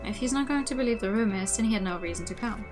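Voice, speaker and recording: A playful, expressive woman game streamer reading a visual novel aloud, with casual asides to chat. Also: medium pitch, fast, over music.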